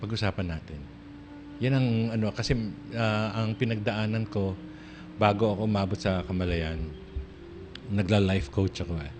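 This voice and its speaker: A man's voice: fairly low pitch, moderate pace, long pauses. Rambling male radio host over music. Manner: rambling and conversational, with frequent restarts and soft laughs. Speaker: radio talk show host. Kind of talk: casual on-air monologue. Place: radio studio. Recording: radio broadcast with music playing underneath.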